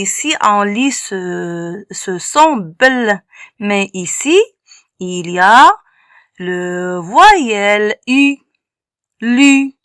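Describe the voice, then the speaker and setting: A woman's voice: mid-range voice, fairly bright tone, no room sound, clean studio sound. A woman teaching young children to read, sounding out letters and syllables one by one and stressing each sound. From Morocco. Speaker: primary school teacher. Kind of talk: slow phonics lesson for young children.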